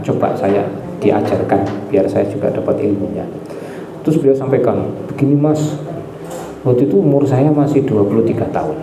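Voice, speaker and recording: This preacher has a mid-range voice with vocal fry, and background noise runs under his words. He gives an Islamic study talk in a hall before a live audience, chatting conversationally, telling stories, questioning listeners and repeating key phrases in an echoey room.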